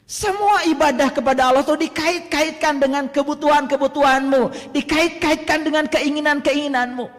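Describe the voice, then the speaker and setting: A man with an Indonesian accent delivers a sermon in a strikingly high voice, swinging from loud bursts to near whispers. He slows to chant Arabic verses, and his words ring out with a long hall reverb. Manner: dramatic, swings from loud to hushed. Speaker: religious teacher.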